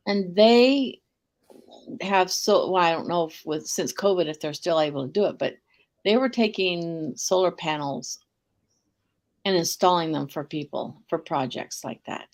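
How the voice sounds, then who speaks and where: Chatty woman with a low voice. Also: a little slow, a little mellow. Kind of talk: casual chat.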